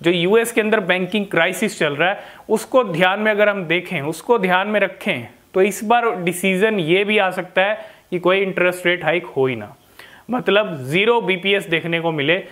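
This crypto vlogger, a man in his thirties with an Indian accent, has a high, somewhat bright voice and talks at normal speed. Wearing a lapel mic, he explains the market informally to camera, often checking in with brief tag questions.

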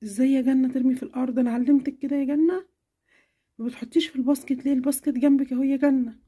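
Mama, a gentle Egyptian cartoon mother, voiced by a woman. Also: mid-range voice, fast, breathy edge, voice pushed down, natural voice. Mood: scolding. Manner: gentle, affectionate, firm when scolding. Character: patient, caring young mother scolding gently. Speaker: cartoon character. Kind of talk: children's cartoon voice acting.

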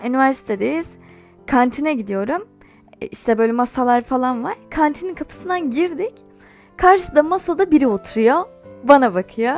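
Speaking at a moderate pace in a high-pitched voice, a young adult YouTuber narrates a personal story for her casual vlog. She's chatty and animated and laughs as she talks, with soft music behind her.

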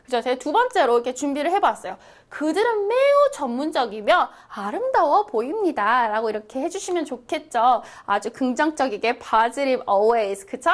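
Lively high-voiced woman teacher. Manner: lively, encouraging, checks in with "right?" often; reads English phrases very slowly for repetition. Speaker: English interview teacher. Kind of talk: online English lesson.

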